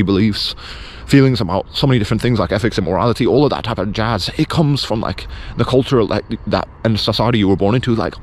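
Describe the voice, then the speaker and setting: A man's voice: fairly low pitch, darkish tone, slight background noise. A man from England with a British accent giving an unscripted opinion monologue in an insistent, blunt, repetitive manner. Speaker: video presenter.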